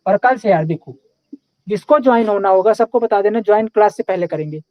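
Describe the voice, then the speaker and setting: A man's voice: high voice, fairly quick, no room sound, dull audio. A young man teaching a live online class in a casual, chatty way, often checking in with his students.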